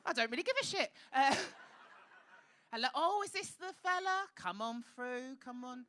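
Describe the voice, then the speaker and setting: A man with a high-pitched voice hosting a live stand-up night, teasing the crowd with cheeky, camp, sweary banter on a comedy club stage. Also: lively intonation, normal speed, sharp tone, a little hiss or hum. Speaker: comedy host.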